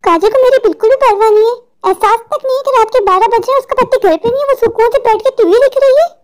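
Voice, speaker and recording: Whiny scared husband for a cartoon, voiced by a woman, pitched very high, panicky. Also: fast. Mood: frightened. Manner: fretful, complaining, panicky. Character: frightened, whiny adult husband, mall owner. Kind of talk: cartoon voice acting.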